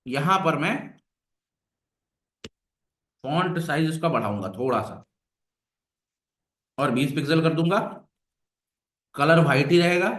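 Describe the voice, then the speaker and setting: Male web instructor, fairly high voice, coaxing classroom style, echoey room. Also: moderate pace, long pauses, fairly bright tone. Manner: coaxing, repeats questions to the class. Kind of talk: classroom coding lesson.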